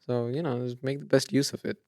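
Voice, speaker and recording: A young man co-hosting a podcast in casual chat, asking questions in a relaxed way and laughing easily. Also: mid-range voice, fast, creaky, dry recording, studio quality. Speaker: podcast co-host.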